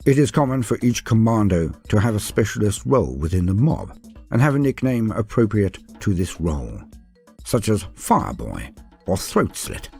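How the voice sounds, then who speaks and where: Here the Warhammer lore narrator sounds on the low side, dark and a little rough. He reads his scripted fantasy war material with theatrical grandeur, formally addressing whoever is listening.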